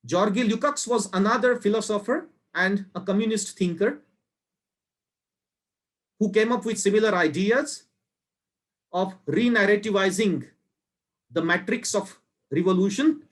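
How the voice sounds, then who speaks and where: A man from India giving an academic lecture in a slow, deliberate way, pausing between phrases. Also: high voice, a bit bright.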